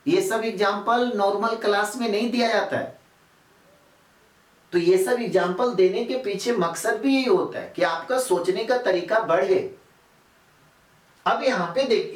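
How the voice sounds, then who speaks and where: A man's voice: sits high, normal speed. Male teacher, rhetorical questions, distant mic. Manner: repetitive, quizzes students with rhetorical questions. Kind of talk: classroom chemistry lecture. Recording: echoey room, mic far off.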